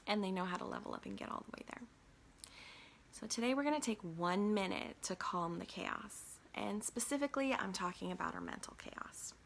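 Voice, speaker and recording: A woman coach leads a short grounding exercise in an encouraging voice that keeps dipping into a hushed half-whisper. Her tone has a gravelly fry, and a faint hiss sits under the recording. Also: mid-range voice, animated, moderate pace. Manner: warm encouraging, often drops to a soft half-whisper. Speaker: life coach.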